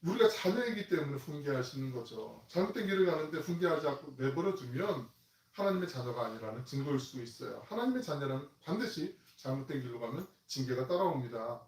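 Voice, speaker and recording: Pastor preaching in an echoey church. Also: male voice, mid-range voice, sing-song, far from the mic. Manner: conversational preaching, reads scripture slowly and loudly with the congregation. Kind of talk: sermon. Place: church sanctuary.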